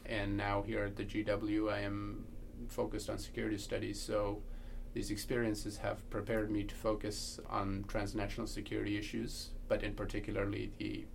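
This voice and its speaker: Earnest Afghan man with a gravelly voice. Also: lowish voice, completely flat delivery, a little hiss or hum. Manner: earnest, measured, with pauses and restarts. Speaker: guest. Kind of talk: podcast interview answers.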